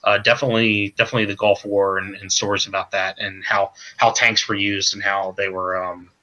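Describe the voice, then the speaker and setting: A man being interviewed as a comic creator, talking in a halting way with many repeated words and restarts. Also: on the low side, level tone, bright, forceful tone, highs cut off. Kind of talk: casual stream interview.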